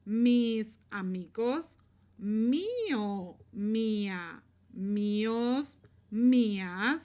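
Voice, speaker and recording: Woman teacher, fairly high voice, very slow and deliberate delivery, patient explainer for a recorded class. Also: muffled recording. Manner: slow, patient explaining with frequent "right?" checks. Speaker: Spanish teacher. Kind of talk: recorded grammar lesson.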